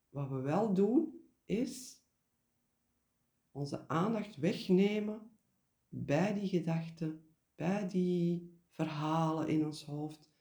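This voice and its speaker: A man guiding a meditation in a gentle, deliberate way, pausing and repeating key words. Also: fairly high pitch, echoey room. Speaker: meditation guide. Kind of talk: guided meditation, spoken reflection.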